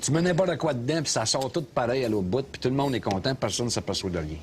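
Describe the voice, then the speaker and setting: An actor with a Québécois accent playing a loud, opinionated middle-aged taxi driver who rants and mocks sarcastically, in a comedy sketch filmed inside a cab. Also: male voice, medium pitch, expressive, fast, a little hiss or hum, natural voice. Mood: ranting. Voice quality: sarcastic ranting, mocking.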